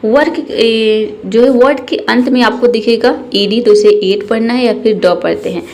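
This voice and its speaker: A woman's voice: fairly high pitch, darkish tone, a little hiss or hum. A woman teaching English pronunciation, explaining patiently, asking and answering her own questions and spelling words out letter by letter. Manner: spells words letter by letter, repeats them slowly. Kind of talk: spoken lesson on English pronunciation.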